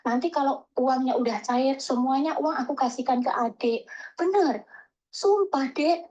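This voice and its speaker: A woman calling in and telling a story in a lively, chatty way, acting out the lines people said to her. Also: high voice, unhurried, highs cut off. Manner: chatty, animated, acts out quoted dialogue. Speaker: caller. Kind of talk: casual storytelling phone call.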